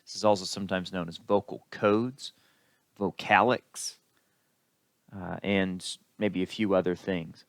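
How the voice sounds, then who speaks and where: A man giving a recorded lecture as an instructor, explaining in an unhurried way with the odd filler. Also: low-pitched, steady tone, no room sound.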